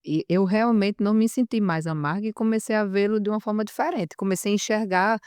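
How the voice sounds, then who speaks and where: A woman's voice: medium pitch, fairly even intonation, fairly quick, a little mellow, clean tone, no echo. A woman guest talking casually, chiming in to finish her husband's sentences. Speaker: podcast guest. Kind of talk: casual conversation.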